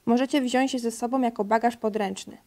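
A woman's voice: fairly high pitch, fairly even intonation, a little fast, dark tone, natural voice. A woman reading a polite rabbit clerk.

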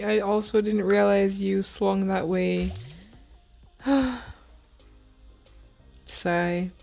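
A woman's voice: on the low side, creaky, darkish tone. Giggly woman narrating a game. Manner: chatty, giggly, bossing characters around. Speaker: gaming YouTuber. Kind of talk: let's-play commentary.

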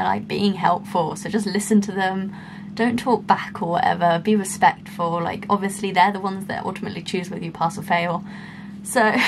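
A woman's voice: mid-range voice, noisy background. A woman in her twenties, an upbeat ski instructor chatting casually to camera in a small bedroom. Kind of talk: casual explainer vlog.

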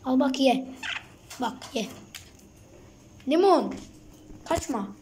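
A young woman vlogging at home, talking in a coaxing, soothing way to her pet bird and sometimes dropping to soft whispers. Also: high-pitched, animated, takes it slowly. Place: home indoors. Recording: noisy home recording.

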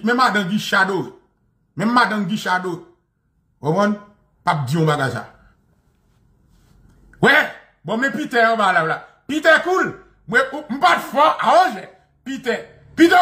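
A man with a Haitian accent, talking casually to his viewers and calling out to them by name. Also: sits high. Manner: animated, switching between Haitian Creole and French, calling out to viewers by name. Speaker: host of online talk show.

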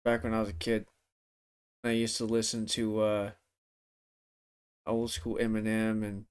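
A young man hosts a music reaction from his living room, his lowish voice clean but utterly flat and a touch slow. His commentary is casual, slangy and profane, and a swollen face and sore tooth are affecting how he talks.

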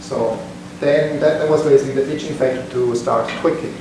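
Middle-aged man from Switzerland presenting to a meetup; halting, filler-heavy delivery, caught by a distant camera mic in an echoey, noisy room. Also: medium pitch, fairly even intonation. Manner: halting, many fillers and restarts. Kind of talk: technical talk to a small group. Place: conference room, standing by a projector screen. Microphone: far camera.

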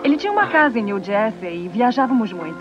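Candid young woman, lively pitch, soft film sound. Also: fast, lo-fi sound, over music. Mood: gentle. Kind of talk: Brazilian Portuguese film dubbing.

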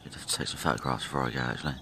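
A man with a very low voice gives relaxed, rambling commentary while he films by a lakeside. His camera mic is close, and clear outdoor and nature sounds carry along behind his words. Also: slight background noise. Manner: relaxed, rambling, thinking aloud with pauses. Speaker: angler filming his fishing trip. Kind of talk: casual self-filmed commentary. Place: outdoors by a lake. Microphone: handheld camera from behind the lens.

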